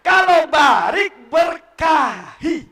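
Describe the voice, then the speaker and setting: A young man with a Palembang accent preaches in a mosque, quizzing his listeners and correcting their recitation. His voice is high and bright. It reaches the mic from a distance, in an echoey room. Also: very slow, a faint crowd. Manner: animated, quizzing the audience and correcting them. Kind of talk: sermon to school students.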